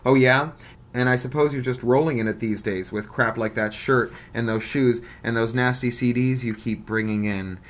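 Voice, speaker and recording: A man voicing a hostile, dim-witted schoolboy bully who taunts and shouts. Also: medium pitch, fairly even intonation, moderate pace, lightly acted. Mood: taunting.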